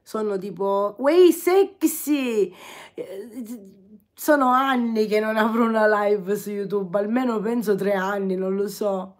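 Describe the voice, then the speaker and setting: A woman's voice: mid-range voice, steady tone, moderate pace, few pauses. A woman in her forties with a Sicilian accent, chatting affectionately and teasingly on a livestream from her bedroom, reading comments into her phone camera. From Sicily, Catania. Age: 40s. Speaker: livestream host.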